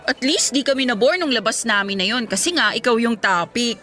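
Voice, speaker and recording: In a Tagalog radio drama, an actress plays a playful, teasing twenty-three-year-old office mate who chats in a gossipy, casual, conversational way. Her voice is a little high, animated, sharp in tone and a little fast, with faint music behind.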